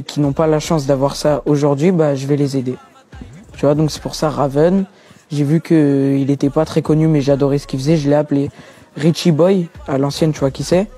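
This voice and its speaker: A teenage rapper, talking in loose street slang during an interview. His voice sits a little high but sounds dark and mellow. He drops in constant "tu vois" asides and stacks repeated words for emphasis. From France. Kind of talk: casual interview talk.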